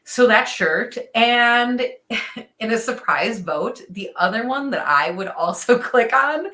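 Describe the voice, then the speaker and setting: A woman's voice: on the high side, lively intonation, slow, pushed and bright, echoey room. A woman co-hosting a fishing livestream, chatting casually and upbeat about gear, laughing often. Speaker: co-host of a fishing show.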